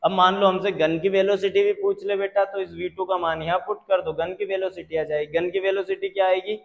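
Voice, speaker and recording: A man tutoring physics, slowly working through exam problems and checking that students follow. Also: high-pitched, dull audio. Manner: calls students "beta", checks understanding; slow, deliberate explaining.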